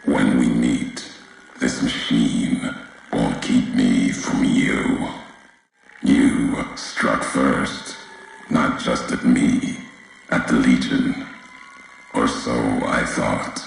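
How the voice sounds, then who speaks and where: Ulysses, an extremely deep, gravelly wasteland courier. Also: male voice, fairly even intonation, a little hiss or hum, exaggerated voice, low-quality recording. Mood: accusing, grim. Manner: slow, solemn, cryptic, deliberate pauses between short phrases. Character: grave, brooding wasteland courier and ex-legion tribesman. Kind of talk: dramatic video game dialogue.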